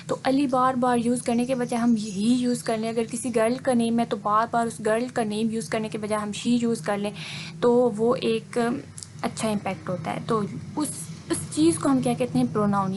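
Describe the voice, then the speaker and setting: A woman's voice: a little high, fairly even intonation, moderate pace, a little hiss or hum. A woman explaining English grammar over slides in a patient, step-by-step lesson, mixing English words into her talk. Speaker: English teacher.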